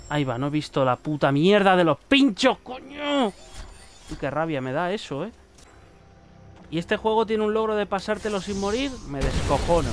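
A man with a Spain Spanish accent giving excitable gameplay commentary, swearing and shouting warnings at the screen. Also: fairly high pitch. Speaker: gaming youtuber.

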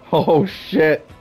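A young man narrating his gameplay with a slightly high voice, swearing, joking and breaking into mock-heroic lines. Faint game music plays behind him. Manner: excitable, swearing, jokey mock-heroic asides. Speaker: gaming YouTuber. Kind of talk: gameplay commentary.

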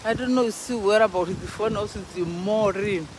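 A woman's voice: mid-range voice, a little fast. A middle-aged woman with a Burundian accent vlogs casually outdoors on a phone, emphatically repeating words and phrases. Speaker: vlogger. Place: outdoors, walking in a forest. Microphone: phone at arm's length. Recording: noisy outdoor phone recording, wind and rustling.

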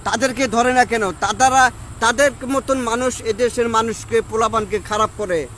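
A man's voice: extremely high pitch, steady tone, normal speed, a bit bright. A man with a Bangladeshi Bengali accent in a street interview, giving a rambling, belligerent drunk-sounding rant and insistently repeating himself. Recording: street noise behind the voice. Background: outdoor traffic and street ambience.

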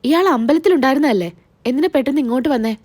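A woman reads a protective young man in a retold TV serial, calm and reassuring. He speaks gently, in the narrator's own high voice. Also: racing. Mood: questioning.

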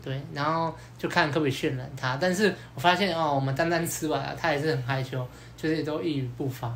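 A man's voice: on the high side, fast, vocal fry, slight background noise. A young man with a Taiwanese Mandarin accent, hosting a podcast and telling a dating story in casual chat with slang and mild swearing. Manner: lively anecdote-telling, acts out quoted lines. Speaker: podcast host.

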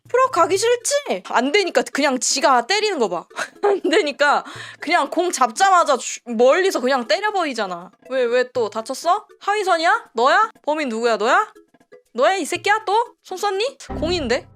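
Woman, football reaction streamer, high voice, wildly swinging pitch, cursing and yelling at players, faint music behind. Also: very animated, normal speed. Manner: emotional, swearing, yelling at players. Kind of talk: live match reaction.

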